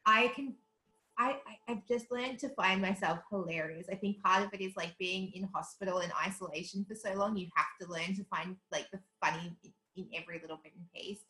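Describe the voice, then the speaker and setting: A South African-raised guest in her twenties, with a light Australian accent, laughs often while animatedly telling stories in a casual interview chat. She speaks a little fast at medium pitch, pushed and bright, and the audio is poor and reverberant.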